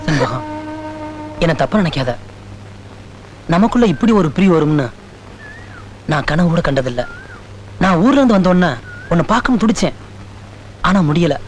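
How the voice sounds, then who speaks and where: An actor playing a young husband speaking low and sorrowful about the wife he cannot reach, in a film soundtrack with music. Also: sing-song, normal speed, long pauses, a little hiss or hum. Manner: subdued, sorrowful. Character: grieving young husband torn between duty and love. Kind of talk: film drama dialogue.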